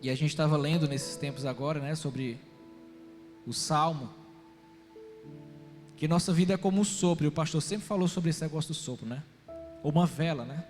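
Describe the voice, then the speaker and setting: A man with a Brazilian Portuguese accent preaches in a high voice, stretching words and shifting sharply between loud and soft. His voice rings through a hall with long reverb. Faint instrumental music plays underneath. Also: normal speed, pauses often. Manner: emphatic, stretches words, sudden swings in loudness. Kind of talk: sermon.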